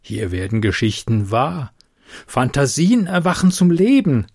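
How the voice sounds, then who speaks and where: A man voicing an old, bearded male librarian who speaks slowly, calmly and mysteriously. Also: mid-range voice, no echo, clean studio sound.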